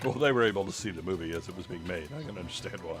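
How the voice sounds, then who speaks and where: A man's voice: sits low, very fast, over music. A man riffing with friends on a live stream, laughing often in casual banter. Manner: laughing, lively. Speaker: panelist on a live riff stream.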